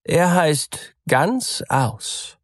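A man's voice: on the high side, wildly swooping pitch, slow pace, creaky, dry recording, clean studio sound, pitched above the performer's own voice, exaggerated voice. A man voicing a greedy, sly female cat in a fairy tale, with a smug, sweet-talking manner.

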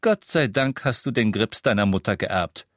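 A man's voice: fairly low pitch, lively intonation, normal speed, fairly bright tone, no room sound, studio quality. A man voicing a joking, teasing father talking to his daughter.

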